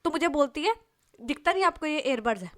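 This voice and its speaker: A woman voicing an angry young woman who complains loudly and in exasperation about a rude coworker. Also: high-pitched, animated, fast talker. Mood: exasperated.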